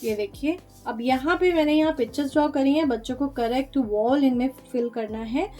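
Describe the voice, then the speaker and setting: A woman's voice: high-pitched, normal speed, mellow, soft background music. A woman teacher walking through phonics worksheets, sounding out letters one at a time in a patient, explanatory way.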